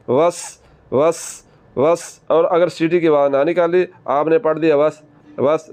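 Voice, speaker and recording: A man's voice: fairly high pitch, a little mellow, smooth. Patient man teaching Quran recitation. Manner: patient, repeats each word slowly many times. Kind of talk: tajweed lesson.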